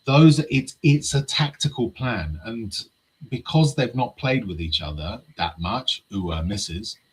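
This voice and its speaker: A man's voice: fairly low pitch, expressive, slow pace, husky, low-quality recording. A man talking football tactics in casual chat, passionate and swearing freely.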